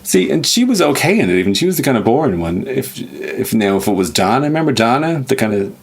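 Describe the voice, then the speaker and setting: Man, podcast co-host, lively storyteller, quick with impressions. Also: medium pitch, vocal fry, husky. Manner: animated storyteller, slips into impressions, laughs often. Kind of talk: casual chat.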